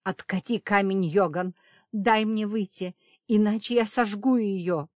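A woman's voice: measured pace, darkish tone, dry recording, studio quality, natural voice. A woman reading an audiobook, voicing a desperate, sobbing young demoness who screams and pleads. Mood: threatening. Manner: shrill, pleading.

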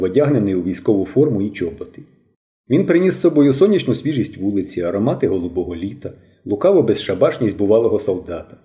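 A man's voice: mid-range voice, mellow. A man reading a novel aloud as an audiobook narrator, telling the story expressively. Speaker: audiobook reader. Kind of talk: scripted narration.

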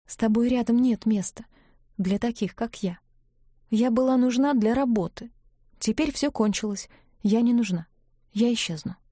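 A woman voicing an anxious, emotional young witch who talks in a shrill, pleading way. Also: normal speed, mellow, no room sound, studio quality, natural voice. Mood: subdued.

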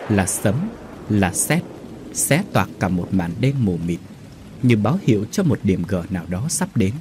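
Husky low-voiced male storyteller. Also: a little mellow, no echo. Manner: melodramatic, slows for verse. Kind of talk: dramatic story narration.

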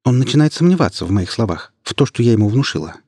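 A man voicing a young woman, a budding witch, speaking calmly, coldly and firmly in an audiobook. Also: mid-range voice, quick pace, slightly rough, no echo, clean studio sound, voice pushed up. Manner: calm, cold and firm.

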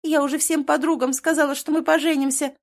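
A woman voicing a capricious, clingy young woman in an audiobook, with a pouty, whiny, shrill manner. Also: moderate pace, darkish tone, close to an everyday voice. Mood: shrill, angry. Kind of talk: audiobook character voice.

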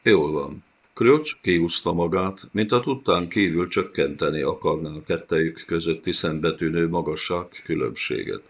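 A man with a very low voice reads a fantasy audiobook. His narration is measured and calm, in a steady scripted delivery.

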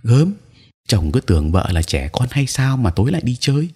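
A man voicing a young countryside wife who speaks in quick exclamations. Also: low-pitched, big pitch swings, darkish tone, husky, full character voice. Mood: indignant. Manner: breathless, exclaiming.

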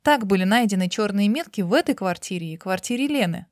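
A woman voicing a calm young woman who explains things patiently. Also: medium pitch, quick pace, dry recording, studio quality, close to an everyday voice.

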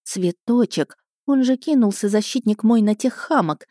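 A woman's voice: on the high side, expressive, moderate pace, warm tone, no echo, studio quality. A woman voicing an emotional young female magic student who pleads in a tearful, breathless way. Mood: bewildered.

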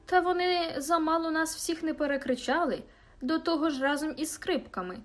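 A woman's voice: sits high, lively intonation, fairly quick, faint music behind. A woman doing a fussy, indignant old village fiddler. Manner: fussy, aggrieved, emphatic. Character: indignant older male village church fiddler.

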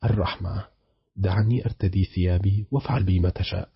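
A man with a deep, husky voice reading the lines of a terrified young lover begging for mercy in a storybook. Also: steady tone, fairly quick, highs cut off, full character voice. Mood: pleading. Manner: trembling, begging.

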